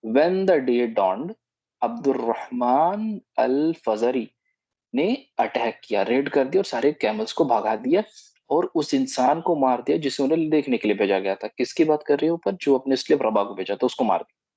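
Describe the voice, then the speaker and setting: A man explaining a history book to a study group in casual Hindi mixed with English phrases, halting often to search for words. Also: medium pitch, lively intonation, dark tone, no room sound, muffled recording. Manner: halting, mixes English phrases, many fillers. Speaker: study circle presenter.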